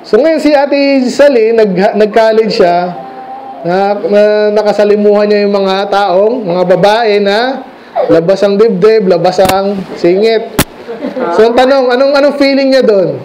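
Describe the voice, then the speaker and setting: High-voiced man preaching a conversational sermon. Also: measured pace, darkish tone, slight background noise, poor audio. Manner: conversational, asks the congregation questions; mixes English phrases into his speech. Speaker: pastor. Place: church sanctuary.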